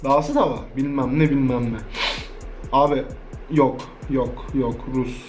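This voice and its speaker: A man's voice: mid-range voice, steady tone, measured pace, darkish tone, faint music behind. A young man from Turkey chatting casually in a vlog, joking, swearing freely and laughing often. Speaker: YouTuber.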